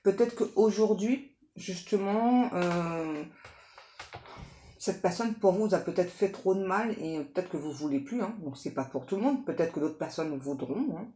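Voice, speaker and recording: A woman with a slightly low voice reads tarot in a casual, unscripted way, talking straight to the listener. She is halting and repeats herself, often checking in with short tag words. The room is clearly echoey, with a faint noise underneath. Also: expressive, mellow. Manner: halting, repetitive, with frequent tag words seeking agreement. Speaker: tarot card reader hosting a guidance channel. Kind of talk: casual improvised tarot reading addressed to the listener.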